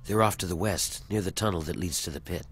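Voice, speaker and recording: In video game dialogue, an actor voices a weary male fugitive urging an outsider to help free his enslaved people, persuasive and earnest with a wry edge. His low voice moves quickly in a lightly acted delivery. The game audio carries faint noise.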